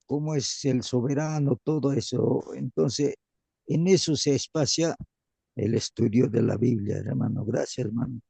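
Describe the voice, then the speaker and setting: A man's voice: mid-range voice, measured pace, gravelly, dark tone, breathy edge, dry recording. A man joining a Sabbath school Bible study discussion with short comments, thanking the teacher. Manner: brief comments, thanks the brother. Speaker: class member.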